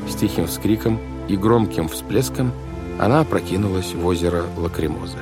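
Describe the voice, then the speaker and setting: A deep, low male voice reads a story aloud in measured, expressive scripted narration. Music plays clearly beneath him throughout. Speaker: audiobook narrator.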